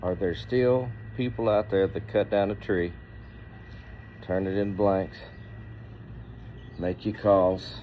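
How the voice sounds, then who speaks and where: Slow, low-voiced man in his sixties. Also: a little mellow, a little hiss or hum. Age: 60s. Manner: deliberate, with pauses and rhetorical questions. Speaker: duck hunter and caller, vlogger. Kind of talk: reflective monologue to viewers.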